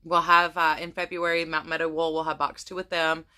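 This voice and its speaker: An American woman chats casually to camera about her crafts in a brisk, flat delivery. Her low voice is pushed and bright, her talk rambles with many restarts, and she's losing her voice.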